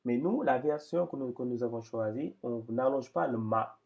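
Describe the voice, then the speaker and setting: A man's voice: mid-range voice, normal speed, vocal fry, lo-fi sound. A man teaching Quran reading in an explanatory lesson, patient and hesitant, often repeating words as he points things out.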